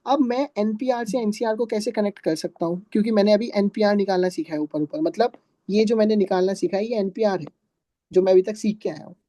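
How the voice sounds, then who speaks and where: Male classroom teacher, talky and patient, mellow voice, dry room. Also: high voice, fast, dry recording. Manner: conversational, quizzes students and answers for them; patient, calls students "beta". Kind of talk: classroom math lecture.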